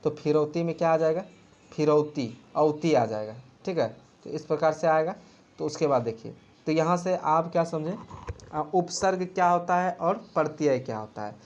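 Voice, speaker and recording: A man's voice: fairly high pitch, normal speed, darkish tone, dull audio. A man teaching an exam-prep grammar lesson, asking a question and answering it himself. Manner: repetitive question-and-answer drilling.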